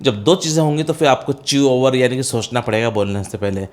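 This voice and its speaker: In a classroom-style spoken English lesson, a middle-aged man with an Indian accent teaches step by step, calling students "beta" and answering his own questions. His voice is mid-range, with fairly even intonation and a fairly quick pace.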